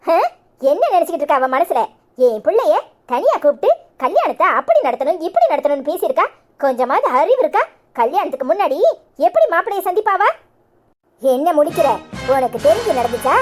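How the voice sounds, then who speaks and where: A woman voicing a proud, scolding older village mother whose son is about to marry; she talks sharply and threatens. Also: sits high. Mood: scornful. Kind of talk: cartoon voice acting.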